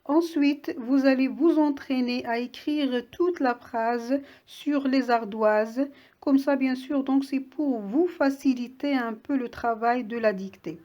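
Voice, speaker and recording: Woman teacher talking to little kids, slow and careful, a bit high voice, spells words out. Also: warm tone, highs cut off. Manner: patient, clearly spelled-out words for young children. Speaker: primary school teacher. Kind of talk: slow classroom lesson read-aloud.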